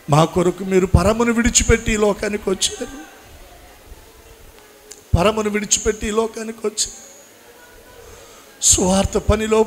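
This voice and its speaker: A man's voice: high-pitched, vocal fry. A man preaching as a pastor, leading an emotional prayer with pleading, repeated lines that swell and fall. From Andhra Pradesh, India. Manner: pleading, repetitive, rising and falling in intensity.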